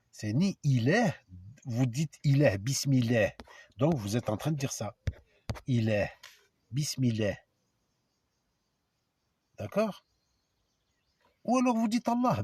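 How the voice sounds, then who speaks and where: Husky, lively-pitched man lecturing slowly. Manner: emphatic and provocative, addressing viewers directly; spells out letters and sounds slowly. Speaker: video lecturer. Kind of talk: informal explanatory monologue to viewers.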